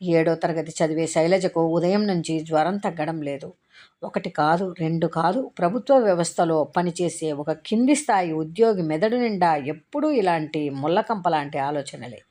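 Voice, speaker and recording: A woman narrating a short story in a measured, literary reading. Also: sits low, mellow.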